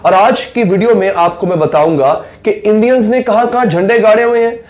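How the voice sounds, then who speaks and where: A man with a notably high voice delivers an earnest commentary to camera. He lectures his viewers with pointed rhetorical questions and a self-critical tone. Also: moderate pace, darkish tone. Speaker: YouTube commentator. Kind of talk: earnest video monologue.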